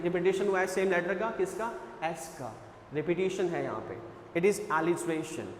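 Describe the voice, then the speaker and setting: In a large, echoey hall with slight background noise, a male English teacher with an Indian accent and a high voice lectures on a poem. He switches between Hindi and English and repeats phrases while explaining.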